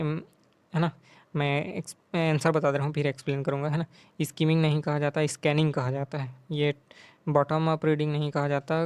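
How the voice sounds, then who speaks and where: A male teacher explaining exam questions in Hindi, reading the English questions slowly and adding tag questions as he goes. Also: on the high side, a little mellow, clean tone, no room sound.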